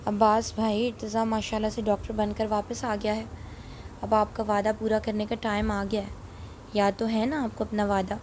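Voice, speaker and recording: A woman voicing a domineering middle-aged aunt in an audio story, with sharp, taunting remarks. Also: mid-range voice, completely flat delivery, slight background noise, natural voice. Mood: doting.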